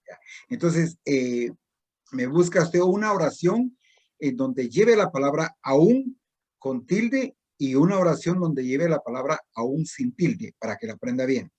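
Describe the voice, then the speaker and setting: Middle-aged guy teaching a spelling class, husky voice, slow, repeats himself a lot. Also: fairly high pitch, darkish tone. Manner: slow, repetitive explaining with many pauses. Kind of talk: recorded distance-learning spelling lesson.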